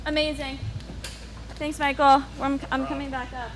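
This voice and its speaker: A woman's voice: high voice, level tone, moderate pace. A woman vlogging in a playful, casual way, joking and being dramatic. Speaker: vlog host trying flight attendant training. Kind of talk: playful casual vlog chat.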